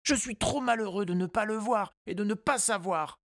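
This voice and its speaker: A man reading a storybook, voicing a small, gentle and determined boy in a high childlike voice. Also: normal speed, dry recording, studio quality. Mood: earnest. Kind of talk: audiobook character voice.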